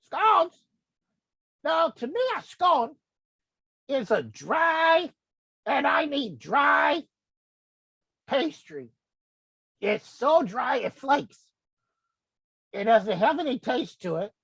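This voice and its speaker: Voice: sits high, big pitch swings, takes it slowly, creaky, pauses often, slightly rough, dry recording, exaggerated voice. A performer playing a rambling, confused elderly grandfather who tells a folksy comic story full of digressions. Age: older. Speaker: comedic host character. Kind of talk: comic monologue.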